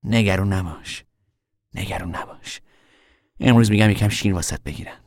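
A man's voice: no echo, clean studio sound, close to an everyday voice. An actor playing a weary young man on the run who talks in a tired, grim way. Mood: earnest. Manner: tired, grim, low-voiced.

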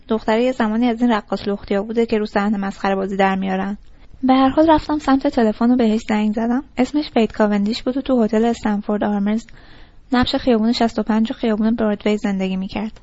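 A woman's voice: on the high side, dark tone, no echo. A woman reading a first-person audiobook narration in a casual, slangy, confiding storytelling manner. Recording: dull lo-fi recording.

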